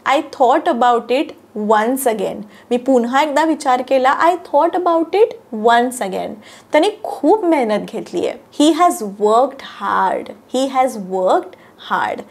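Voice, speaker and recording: A woman with a Marathi accent teaching English, repeating each sentence slowly and carefully. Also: a little high. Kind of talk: language lesson, reading sentences slowly.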